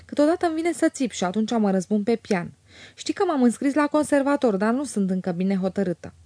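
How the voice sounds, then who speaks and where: A woman voicing a lively, teasing young woman in an audiobook, her tone lifted and bright with chatter. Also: a little high, dry recording, natural voice. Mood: chatty. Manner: bright, teasing, quick to laugh.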